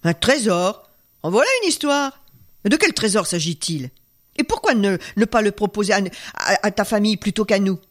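Woman doing gruff suspicious knights. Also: mid-range voice, lively intonation, normal speed, close to an everyday voice. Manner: gruff, questioning. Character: gruff greedy armored male knights, suspicious.

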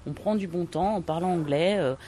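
A woman's voice: lowish voice, brisk, dark tone. Hesitant woman with lots of fillers. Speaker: English conversation workshop leader. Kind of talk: interview answers.

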